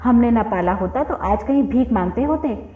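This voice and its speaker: A woman voicing a fierce, quarrelsome middle-aged village wife who scolds in a shrill, combative voice. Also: a little slow, lightly acted. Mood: angry scolding. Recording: phone-like roomy audio with faint music.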